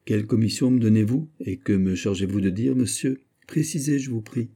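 A man reading aloud voices an irate, scheming royal intendant with a sharp, hostile tone. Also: medium pitch, animated, normal speed, husky. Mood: sour.

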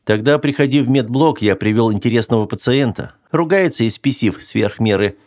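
A man voicing a calm, confident male space captain with a wry, commanding manner. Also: mid-range voice, normal speed, lightly acted. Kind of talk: audiobook character voice.

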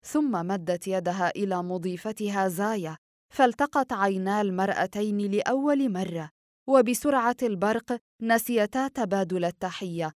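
A woman reading a novel aloud as an audiobook narrator, with steady storytelling. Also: medium pitch, dry recording, studio quality. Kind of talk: scripted narration.

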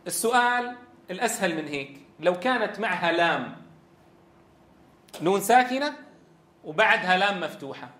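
A man's voice: high-pitched, lively intonation, normal speed, pauses often, sharp tone, reverberant. A man teaching Quran recitation, asking students questions and demonstrating sounds. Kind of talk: tajweed lesson.

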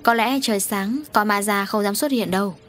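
A woman's voice: medium pitch, moderate pace, a bit bright, natural voice. A woman voicing a young male dock worker who speaks earnestly and tries to reassure his crew, in an audio story.

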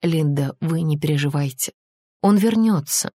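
A male police detective who presses on gently and persistently, keeping his questions soft and soothing, as a woman narrator voices him. The low, even reading sits dry and close to the mic. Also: moderate pace, husky, no echo. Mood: coaxing. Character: male police detective, calm coaxing interrogator.

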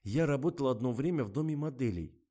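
Guy doing a cool matter-of-fact young woman, lively pitch, audiobook. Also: fast, lightly acted. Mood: composed. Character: calm resourceful young woman narrator-heroine. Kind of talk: audiobook character voice.

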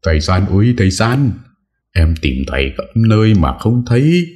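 A man's voice: rumbling low, lively intonation, normal speed, darkish tone. A man voicing a frightened young male deserter who pleads breathlessly in a raised voice. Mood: panicked. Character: panicked young male deserter, errand boy.

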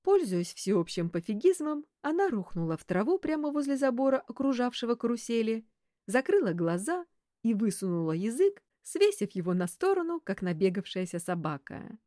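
Woman narrating an audiobook, really expressive, dry sound. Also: fairly high pitch, moderate pace, no room sound. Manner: expressive, animated. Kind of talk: audiobook reading.

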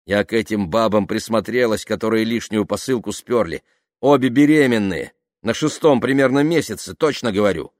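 A man voicing a tough, bossy middle-aged woman driver who shouts in a shrill voice. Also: moderate pace, no room sound, clean studio sound, close to an everyday voice. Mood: scornful.

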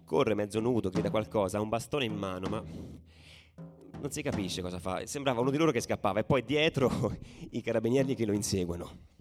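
Speaking a little fast in a lowish voice, a man lightly acts the part of an exhausted, enraged young football ultra for a dramatic radio play. The mood is grim, drums play behind him, and his delivery lurches from quiet narration to frenzied yelling.

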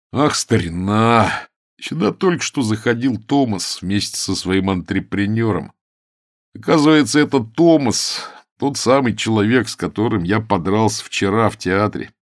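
A man's voice: lowish voice, expressive, moderate pace, lightly acted. A man doing a sullen, hulking young brawler. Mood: glum, stubborn. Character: big hulking reckless young man, gloomy and stubborn.

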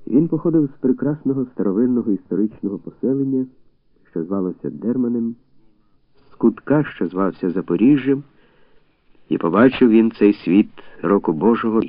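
A man giving measured literary audiobook narration. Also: on the low side, lively intonation, no room sound. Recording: tinny dry phone-like audio.

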